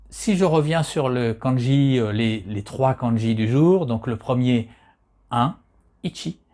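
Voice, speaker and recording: A man teaches Japanese writing at an unhurried pace. He talks patiently, often stopping mid-phrase and picking his sentence back up. His pitch sits in a middle range. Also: a little mellow. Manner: frequent hesitations and restarts, patient and plain. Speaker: kanji teacher. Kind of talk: hesitant explanatory lesson.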